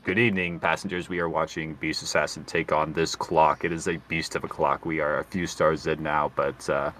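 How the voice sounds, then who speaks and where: A man voicing a mock airline pilot making a calm cabin announcement from the cockpit, in a slow, formal announcer manner. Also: faint music behind. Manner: slow, smooth, deepened announcer delivery. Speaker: speedrun commentator.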